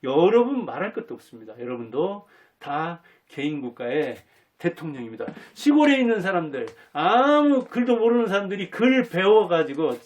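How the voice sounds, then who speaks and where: Man, 50s-60s, channel host; earnest and folksy solo talk, voice sits a bit high. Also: sing-song, normal speed, dull audio. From Jinan, North Jeolla, Korea. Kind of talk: solo reflective monologue.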